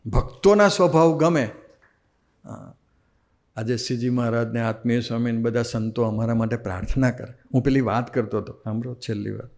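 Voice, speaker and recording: A man's voice: mid-range voice, a little fast. A man with a Gujarati accent, a swami giving a devotional sermon who tells stories and acts out the dialogue. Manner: animated storyteller acting out quoted dialogue.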